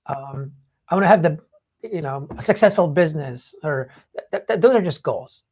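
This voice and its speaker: Sounding like a podcast host offering motivational advice, a man speaks casually at a moderate pace in a darkish, somewhat high voice with lively intonation. He rambles informally toward each point, dropping in "like" and "you know" along the way.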